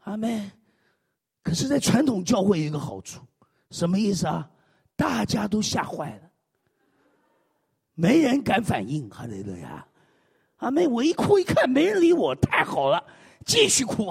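A high-pitched male pastor gives a lively, humorous sermon, his voice leaping up and down and tinged with huskiness. He breaks up his points with repeated hallelujahs and amens. The recording carries a long, lingering hall reverb. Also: unhurried, creaky, pauses often, husky. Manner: animated, frequent hallelujah and amen refrains.

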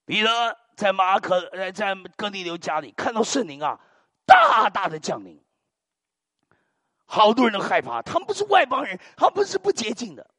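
An older male preacher delivers a sermon in a high, husky voice that swoops wildly up and down. He tells stories dramatically and drops low hallelujahs between his lines. The sound is dry and close. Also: normal speed, no echo. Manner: animated, dramatic storytelling peppered with muttered hallelujahs.

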